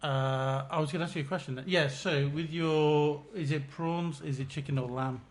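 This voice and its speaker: A man with an English accent hosts a casual podcast. His voice sits a little high. He fires off light quiz questions and keeps breaking into laughter. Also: fairly even intonation. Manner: jokey, laughs often, asks quick-fire questions. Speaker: podcast co-host. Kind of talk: casual chat.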